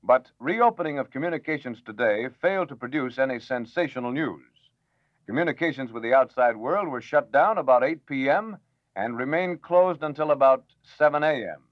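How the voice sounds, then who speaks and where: Man, radio newsreader, measured formal announcing, old newsreel-style broadcast, dull lo-fi sound. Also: mid-range voice, animated, dry recording. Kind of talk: formal 1940s radio news bulletin.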